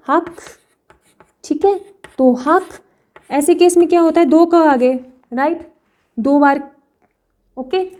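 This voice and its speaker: A young woman teaching a language online, explaining patiently, repeating example words slowly and often checking with the listener. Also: high voice, warm tone.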